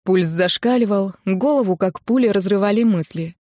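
A woman narrating a romance audiobook in an even, steady storytelling voice. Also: mid-range voice, normal speed, no echo, studio quality.

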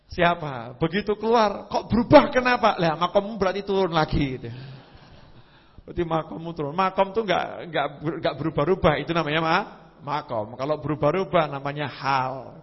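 A man giving a religious lecture, telling stories with sudden leaps in pitch and voiced sound effects. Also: slightly rough. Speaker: preacher. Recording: lo-fi hall recording with long reverb.

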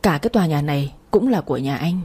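A woman voicing a smug, playful young husband in a storybook reading, dropping her voice lower. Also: expressive, quick pace, warm tone, breathy edge, full character voice. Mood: smug teasing. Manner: teasing and smug.

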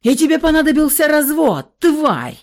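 A woman reads a cruel, scheming grown man in an audiobook. He snarls abuse and sneers coldly, in a mid-pitched voice. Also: lively intonation, normal speed, close to an everyday voice. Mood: furious. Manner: shouting insults, then sneering and cold. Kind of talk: audiobook character reading.

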